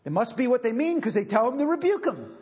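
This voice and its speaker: A man's voice: extremely high pitch, big pitch swings, quick pace, a little mellow, breathy edge. A man preaching a sermon as pastor, emphatic and repeating phrases for stress, on a dull lo-fi recording.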